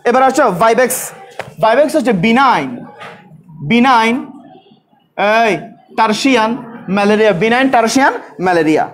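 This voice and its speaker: A man's voice: very high-pitched, a little fast, long pauses. A male biology teacher lecturing a class, drilling students with repeated questions and scolding those who talk.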